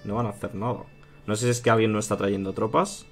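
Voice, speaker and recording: A man with a Spanish accent from Spain giving casual commentary while playing a strategy game, chatting to his viewers and thinking out loud. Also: lowish voice, steady tone, quick pace, faint music behind. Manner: chatty, thinks aloud, addresses viewers as "chicos" and "tío". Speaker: gaming youtuber.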